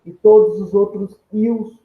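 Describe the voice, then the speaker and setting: Male grammar teacher, high-pitched, explanatory, tinny phone-like sound in an echoey room. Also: fairly even intonation, a little slow. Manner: explanatory, points at examples on screen; stretches out example words syllable by syllable. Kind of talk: video lesson explaining grammar.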